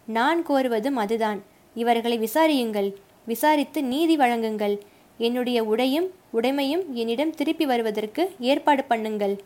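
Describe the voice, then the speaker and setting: Storybook: woman reads bold young male warrior, indignant, pushy, high-set voice. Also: a little mellow, lightly acted. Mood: defiant. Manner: rapid indignant protest, raised and emphatic.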